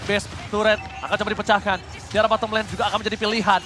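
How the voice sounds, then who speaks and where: A man commentating a live game tournament like a fighting game announcer, with drawn-out shouted calls. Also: sits high, little pitch movement, music in the background. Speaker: esports shoutcaster.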